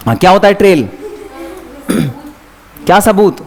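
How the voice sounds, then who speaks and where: A man teaching an exam revision lecture, chatty and lively, talking straight to his students. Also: high voice, a little slow. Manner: lively, chatty, addresses students by name, mixes English terms.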